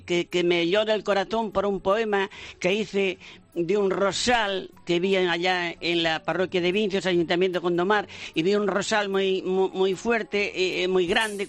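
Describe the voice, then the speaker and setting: Bright high-voiced Galician humorist. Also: male voice. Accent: Galician Spanish, Vigo. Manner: rambling, hesitant storytelling. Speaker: humorist guest. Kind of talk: radio interview.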